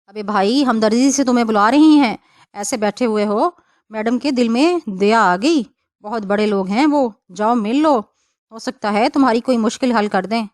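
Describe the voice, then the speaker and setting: A blunt, familiar male chauffeur, as a woman reading a novel puts him on. His voice sits a little high. The sound is dry and close. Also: no echo, close to an everyday voice. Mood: coaxing. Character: plain-spoken male chauffeur, blunt but sympathetic.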